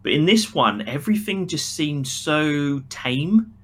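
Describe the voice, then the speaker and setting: A man co-hosting a casual podcast gives critical, opinionated takes on a film, acting out imagined quotes. His voice is fairly high, husky and a bit bright, expressive and unhurried.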